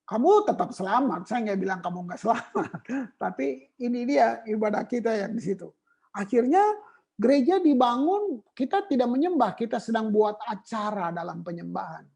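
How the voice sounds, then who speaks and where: A woman preaching a sermon on worship, emphatic and animated, mixing in English terms. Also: fairly high pitch, gravelly, breathy edge.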